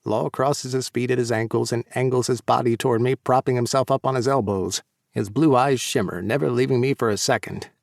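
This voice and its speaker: A man narrating a first-person romance audiobook in a warm, light storytelling delivery. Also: medium pitch, fairly even intonation, fairly quick, creaky, no room sound, clean studio sound.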